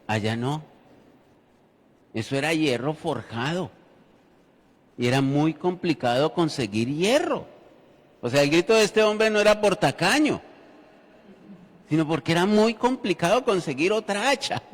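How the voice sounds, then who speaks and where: A man's voice: fairly high pitch, expressive, a little slow, long pauses. A man preaching a sermon in church, telling the story with humor and speaking directly to the congregation. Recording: reverberant church hall.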